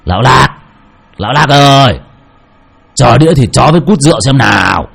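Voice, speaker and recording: A man's voice: deep voice, huge pitch swings, moderate pace, warm tone, slightly rough, voice pushed down, full character voice. A man voicing a coarse, bitter middle-aged male gambler, cursing and grumbling.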